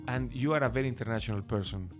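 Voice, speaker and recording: A man's voice: mid-range voice, racing. Guy hosting an interview, stumbles and restarts a lot, bit of music faintly under him. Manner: hesitant, stumbling restarts, friendly questions. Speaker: interviewer, host. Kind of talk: casual interview conversation.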